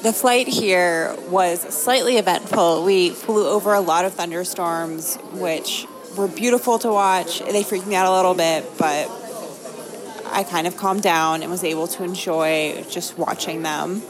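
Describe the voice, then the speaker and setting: A woman's voice: fairly low pitch, fairly even intonation, unhurried. An American woman from Maine hosting a travel show, narrating vlog-style in an upbeat, enthusiastic way. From Maine, United States. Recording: music behind the voice.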